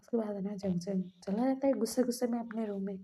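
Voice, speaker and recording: Woman narrating fan fiction, chatty and casual, husky, mellow tone. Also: medium pitch, fast. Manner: chatty, stringing events with 'then he says'. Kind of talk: casual story retelling.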